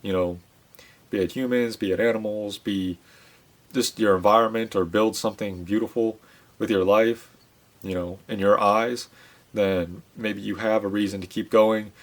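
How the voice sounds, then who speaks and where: Low-voiced man musing in a halting way. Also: steady tone. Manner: reflective, halting, many fillers and restarts. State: subdued, low-spirited. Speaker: channel host. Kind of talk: casual monologue to camera.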